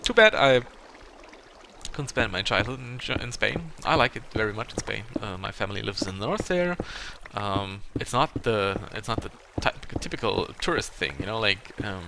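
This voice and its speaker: A German man, a native speaker with a German accent, hosts a Let's Play gaming video in a lowish, gravelly, animated voice over background noise. He chats casually but hesitantly, rambling with self-conscious asides, halting often and chuckling at himself.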